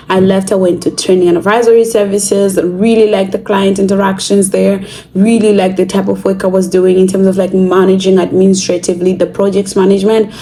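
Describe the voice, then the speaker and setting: A young woman from Zimbabwe talks to camera in a casual vlog. Her voice is mellow and warm, and she sounds earnest and thoughtful. A faint hiss sits under the recording. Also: mid-range voice, rough recording. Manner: earnest, reflective, with fillers. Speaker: vlogger.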